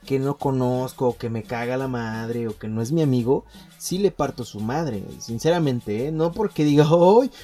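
A young man with a Mexican accent casually telling a school story on a podcast, full of slang, swearing, jokes and halting restarts. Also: medium pitch, mellow, faint music behind. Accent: Mexican Spanish.

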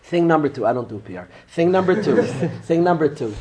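Man, rabbi, animated, joking, slightly higher voice. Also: brisk, crowd noise. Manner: animated, joking, talks straight to students by name. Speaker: rabbi teaching a yeshiva class. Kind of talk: informal Torah class talk.

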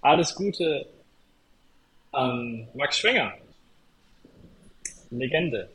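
A man's voice: mid-range voice, expressive, extremely slow, fairly bright tone, a little hiss or hum, poor audio. A man co-hosting a podcast in casual chat, talking in a rambling, hesitant way with many restarts. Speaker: podcast co-host.

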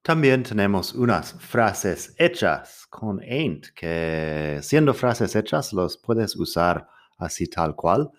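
Slow, deep-voiced male teacher. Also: sing-song. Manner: patient, repeats each example and translates it. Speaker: English teacher. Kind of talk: explaining a grammar lesson.

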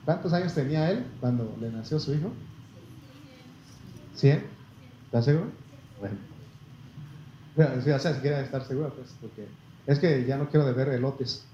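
A man with a Mexican Spanish accent preaches a sermon in a mid-range, warm voice at a moderate pace, pausing often. He reads Bible verses, speaks in a folksy way, calls his listeners brother, and asks for amens. The room is echoey, with slight background noise and a somewhat muffled sound.

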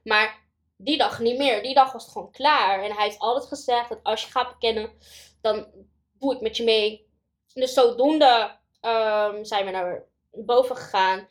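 A young woman telling her own story in an interview, pausing often and full of fillers. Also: fairly high pitch. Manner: halting, many pauses and fillers, quoting others. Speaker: guest. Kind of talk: personal testimony in an interview.

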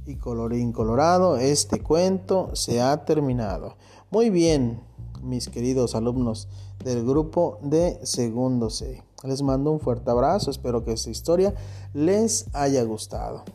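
A male teacher telling a fable to young pupils in a lively, questioning way. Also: mid-range voice, unhurried, faint music behind. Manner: animated, asks listeners questions. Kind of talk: storytelling for young schoolchildren.

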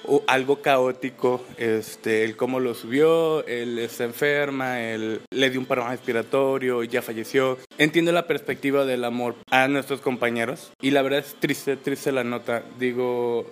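Informal Mexican man co-hosting, somewhat halting. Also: mid-range voice, fairly even intonation. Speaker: podcast co-host. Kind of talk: casual chat.

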